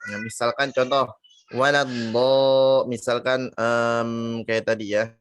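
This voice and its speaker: A man's voice: medium pitch, flat delivery, measured pace, fairly bright tone, no echo. A man teaching Quran recitation in an online lesson, explaining patiently and drawing out and repeating sample syllables to show the sounds.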